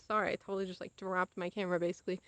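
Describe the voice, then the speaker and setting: Speaking rapid-fire in a fairly low voice with no echo, a young woman vlogger chats confessionally to her camera. She is animated, performing the conversations she quotes as she retells them.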